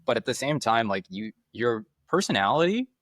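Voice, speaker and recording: A man's voice: mid-range voice, big pitch swings, normal speed, fairly bright tone, no echo, studio quality. A man guesting on a podcast, talking candidly and playfully about marketing with frequent laughter. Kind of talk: casual interview chat.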